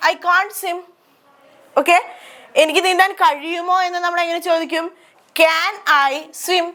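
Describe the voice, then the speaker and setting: A woman's voice: extremely high pitch, a bit bright. A woman with a Malayali accent teaching English grammar, asking questions and answering them herself. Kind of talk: grammar lesson explained in Malayalam.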